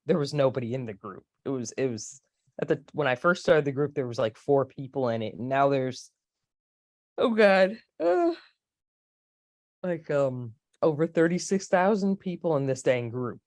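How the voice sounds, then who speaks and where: A woman's voice: a bass voice, very animated, moderate pace, a little mellow, dry recording, clean studio sound. A woman in her forties from Florida, a space historian telling rambling, chatty stories as an interview guest. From Florida, USA. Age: 40s. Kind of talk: casual interview.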